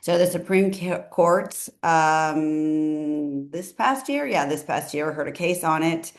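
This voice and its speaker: A woman's voice: low voice, takes it slowly. A woman attorney giving casual legal commentary in a chatty way, often correcting herself and adding asides.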